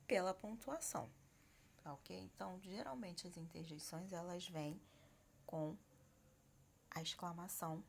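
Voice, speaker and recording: A woman's voice: lowish voice, gravelly, a little hiss or hum. A woman teacher explaining grammar in a patient, explanatory way, often checking in with her students. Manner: explanatory, frequent check-ins. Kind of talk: grammar lesson.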